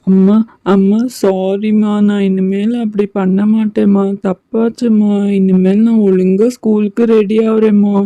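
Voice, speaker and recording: A woman's voice: medium pitch, little pitch movement, measured pace, dark tone, no room sound, muffled recording, lightly acted. A woman voicing a naughty young schoolboy in a doll play story, talking in a whiny, pleading way.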